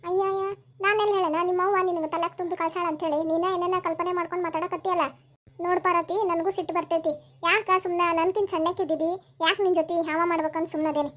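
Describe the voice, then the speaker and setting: A woman's voice: extremely high pitch, fairly even intonation, fast, a bit bright. A woman voicing a weary, patient older mother-in-law in a cartoon story, sighing and pleading. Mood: defensive.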